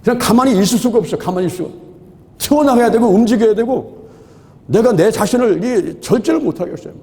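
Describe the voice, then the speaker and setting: A man in his sixties preaching, telling his story with lively, exclamatory repeats. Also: high-pitched, fast. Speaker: pastor. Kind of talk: sermon testimony. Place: large hall at a prayer retreat. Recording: echoey hall with long reverb.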